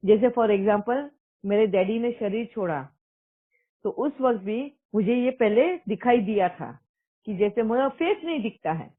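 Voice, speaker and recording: A woman speaking earnestly as a spiritual speaker, recounting a personal testimony and mixing English words into Hindi. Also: mid-range voice. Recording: tinny phone-like audio.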